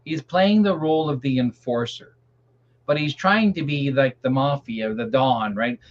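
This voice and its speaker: A man's voice: medium pitch, unhurried. Joking man, lo-fi recording. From Canada. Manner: animated, joking storyteller. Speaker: podcast co-host. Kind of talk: casual political chat. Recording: dull lo-fi sound with faint noise.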